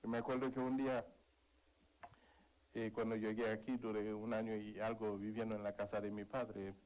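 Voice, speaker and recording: A man's voice: on the low side, flat delivery, normal speed, darkish tone, poor audio. Male preacher, earnest, sermon with a personal story. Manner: earnest, calls for amens, tells a story.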